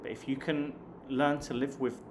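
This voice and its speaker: In a casual talk to camera, a vlogger and online English teacher in his late thirties chats away, calling viewers "guys." He's from Hampshire, has a southern English accent, and speaks at a moderate pace in a medium-pitched, flat voice. The recording has clear background noise.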